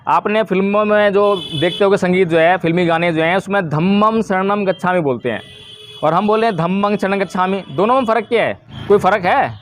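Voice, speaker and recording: A man's voice: sits high, brisk, no echo. A man teaching a group about Buddhist practice, explaining patiently and putting questions to his listeners. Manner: explanatory, asks the audience questions. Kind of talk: Dharma talk to a group.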